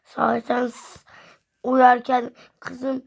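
A woman with a high voice and a gravelly, fried edge, talking slowly. She is a mother in a comic morning vlog of self-talk. She keeps muttering the same pious exclamation and plays up her reactions. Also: completely flat delivery. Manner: dramatic, swings between whispers and shouts. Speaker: mother and vlogger.

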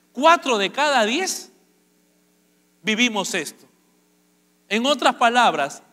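A man preaching a sermon to his congregation, lively, asking them questions and acting out quotes. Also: sits high. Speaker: pastor. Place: church auditorium. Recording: long hall reverb.

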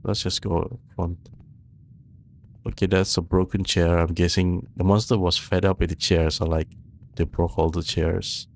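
Playing a horror game, a young man talks casually to himself, jumpy and nervous, close to a boom-arm microphone with a headset on. He sounds low and a little slow, flat in delivery with vocal fry, against a noisy background.

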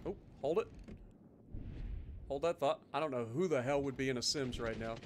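A man's voice: medium pitch, normal speed, slight background noise. A man giving casual live game-stream commentary and chatting to viewers, with a sweary, exasperated way of talking.

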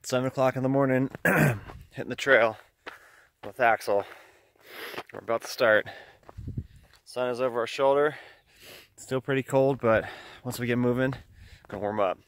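A man's voice: medium pitch, steady tone, normal speed, long pauses. Man vlogging outdoors on his phone. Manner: short, matter-of-fact remarks. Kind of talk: casual vlog narration to camera. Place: outdoors on a snowy mountain ridge. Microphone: handheld phone.

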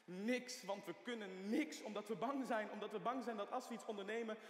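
A young actor playing a detained male idealist, bitter and scornful, breaking into shouting. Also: sits high, a little fast, lightly acted. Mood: bitter ranting. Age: young adult. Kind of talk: stage play acting. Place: theater stage. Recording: echoey theater hall.

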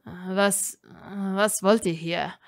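A woman reading a fan audiobook, voicing a hot-tempered young wizard auror who snaps loudly. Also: mid-range voice, fairly even intonation, extremely slow. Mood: angry. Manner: loud, angry, snapping.

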